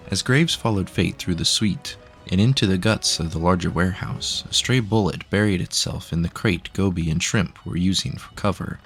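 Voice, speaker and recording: A man calmly reading a story aloud with a dry, wry delivery. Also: low-pitched. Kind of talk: calm storybook narration.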